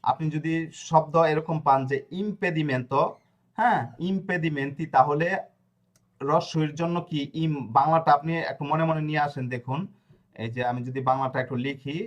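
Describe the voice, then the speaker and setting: Man sounding out syllables in a lesson. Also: on the high side. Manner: slow, syllable-by-syllable demonstration with questions to the viewer. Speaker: language teacher. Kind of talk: spelling out pronunciation in a lesson.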